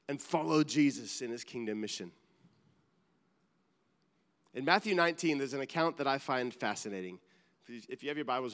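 A man's voice: a little high, fairly bright tone, smooth, big-room sound. A man preaching a sermon as a pastor, earnest and building to emphatic peaks, with restarts and asides.

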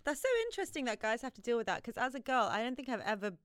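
A woman talking casually, curious and engaged. Her voice is smooth and clear, with a dry, close sound. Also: on the high side, animated, racing, a bit bright, no room sound. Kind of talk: casual conversation.

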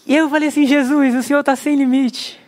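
A man's voice: very high voice, flat delivery, fairly quick. A young adult man preaching a conversational sermon in a church, with frequent rhetorical asides to the congregation. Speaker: pastor.

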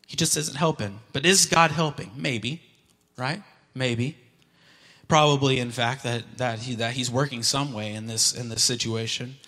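A man preaching a sermon as pastor, earnest, swelling to near shouts for scripture and dropping low and quiet for emphasis. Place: church. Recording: long reverb of a church hall.

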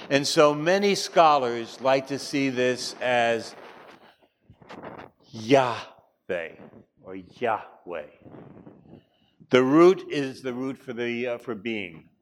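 A man's voice: mid-range voice, animated, a little slow, a little hiss or hum. A man teaching a class, chatty, with wry asides and frequent fillers. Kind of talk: classroom lecture.

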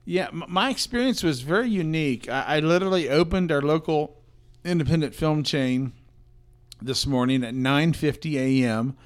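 A man's voice: fairly high pitch, moderate pace. A man co-hosting a casual podcast, telling stories about seeing films in a rambling way with lots of fillers. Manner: rambling, filler-heavy storytelling. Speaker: podcast co-host, film reviewer. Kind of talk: casual film review chat.

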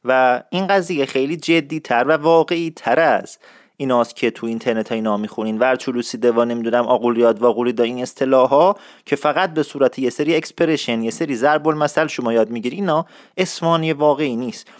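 A man from Isfahan, Iran hosts his own podcast in a clean studio recording with no echo. His voice sits in the mid range, and his humorous monologue takes on a playful, mock-serious lecturing tone.

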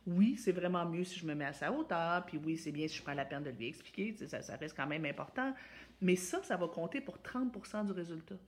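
A woman with a Québécois French accent, a parenting coach giving advice and acting out parent examples in high, exaggerated voices. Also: animated, brisk.

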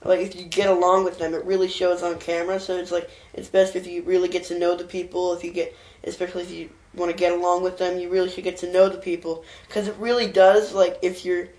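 A man's voice: sits high, completely flat delivery, fast, a little mellow. A young man, an actor in a web series, rambling eagerly with many fillers in an interview. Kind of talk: casual interview chat. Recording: echoey room.

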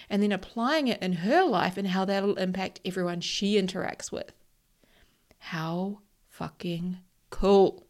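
A woman with a broad New Zealand accent giving a casual motivational talk as a coach, telling personal stories in an emphatic, sweary, informal way and often checking in with the listener. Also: mid-range voice. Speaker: mindset coach and presenter.

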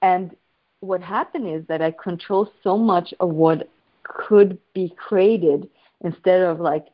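This woman from Sweden has a lowish voice and speaks slowly, and the recording has a lo-fi quality. Appearing from home over video as a guest in a casual interview, she's enthusiastic, playful and free-flowing, with her dog there beside her.

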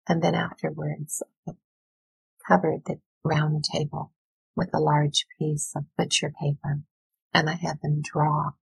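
A woman educator speaking in a soft, soothing, deliberate way with pauses, as if leading a guided visualization, her voice breathy and husky. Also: sits low, no room sound, poor audio. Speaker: educator, workshop leader.

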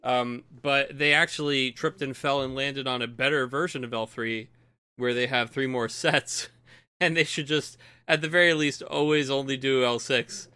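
A man co-hosting a casual card game podcast, chatty and enthusiastic, quick to laugh. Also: mid-range voice, steady tone, pushed and bright, clean tone. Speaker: podcast co-host.

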